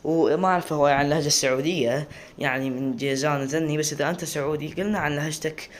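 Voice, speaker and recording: A man's voice: on the high side, fairly even intonation, quick pace, slight background noise. A man with an Iraqi accent talking casually to camera, rambling and often breaking off to restart words. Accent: Iraqi Arabic. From Iraq. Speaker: video creator.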